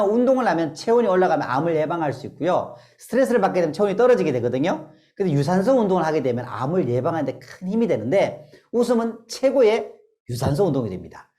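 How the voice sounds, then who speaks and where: Animated Korean woman leading laughter therapy. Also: lowish voice. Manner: animated, bursts into forced laughter drills. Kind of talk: lively lecture with call-and-response. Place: lecture hall.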